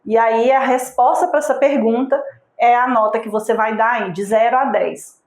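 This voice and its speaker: A woman's voice: fairly high pitch, steady tone, normal speed, darkish tone. Woman teaching, questioning the viewer, echoey. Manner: asks the viewer direct questions; patient, explanatory, checks in with "tá?". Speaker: online course instructor. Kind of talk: recorded video lesson.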